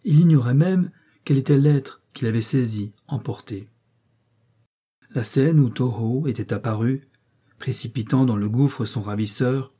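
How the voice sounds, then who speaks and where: A man narrating an adventure novel in a measured, expressive reading. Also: medium pitch, husky. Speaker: audiobook narrator.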